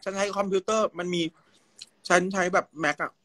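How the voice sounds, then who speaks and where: A man's voice: high voice, sharp tone, dry recording. A young man from Thailand chatting casually on a phone livestream, playfully demonstrating food as he talks. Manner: playful, drawn-out food demonstration with a running commentary. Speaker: livestream host.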